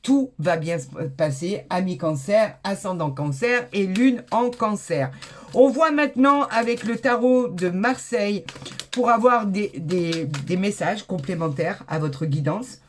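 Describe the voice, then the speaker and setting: A woman giving a tarot card reading to her viewers, enthusiastic and exclaiming, with frequent hesitations. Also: on the low side. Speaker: tarot reader.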